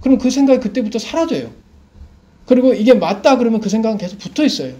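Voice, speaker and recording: A male pastor preaching a sermon, his voice sitting high and swinging widely in pitch. He keeps asking the congregation questions and answering them himself. He sounds middle-aged. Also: a little mellow.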